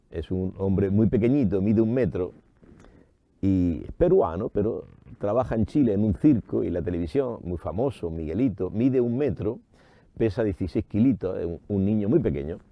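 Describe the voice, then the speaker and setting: A priest giving an animated radio sermon, raising his voice for emphasis and voicing imagined doubters higher. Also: dry recording, highs cut off. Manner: animated preaching with rising emphasis. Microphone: studio microphone.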